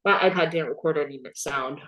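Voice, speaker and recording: A teenage girl hosting a casual interview, telling stories in an animated way and laughing often. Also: low-pitched, a little fast, roomy sound. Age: teens. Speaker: host. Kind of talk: casual chat.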